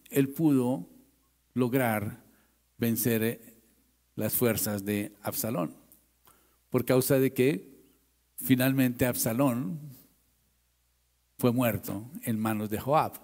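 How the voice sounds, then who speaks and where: A male pastor preaching a sermon in a church. He tells the story dramatically, swinging from loud, raised lines to hushed ones. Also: medium pitch, takes it slowly, long pauses, in a large hall.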